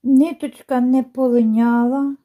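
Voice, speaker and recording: A woman talks to her viewers from her home in a chatty, unhurried way, pausing on fillers and restarting her sentences. Her voice sits a little high and has a soft, mellow tone. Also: flat delivery. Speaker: knitting vlogger. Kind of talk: casual chat to viewers. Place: home, indoors by a window.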